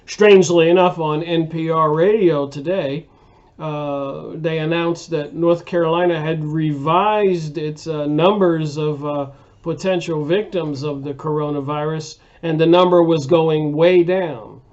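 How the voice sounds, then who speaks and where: A man's voice: a little high, steady tone, unhurried, darkish tone, lo-fi sound. A man hosting a casual book review monologue, rambling and hesitant with many fillers and restarts. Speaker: video host reviewing books.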